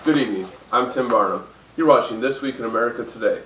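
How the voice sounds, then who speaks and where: A man playing a hungover, sardonic news anchor in a parody newscast, with a deadpan, jaded delivery. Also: medium pitch, fast talker, slight background noise, natural voice. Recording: roomy echo, distant microphone.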